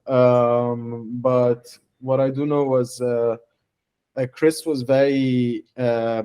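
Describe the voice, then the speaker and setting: A young Lebanese startup founder, interviewed for a testimonial, has a smooth, medium-pitched voice with a darkish tone. He speaks haltingly, filling pauses and restarting his sentences often.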